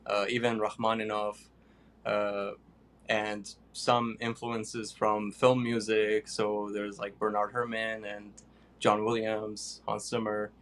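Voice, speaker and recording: A young man from Iraq answers questions about his playing. His voice sits a little low, and he pauses often with fillers as he searches for words. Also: flat delivery, fairly bright tone. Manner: hesitant, many fillers. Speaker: guest pianist. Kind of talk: interview answers.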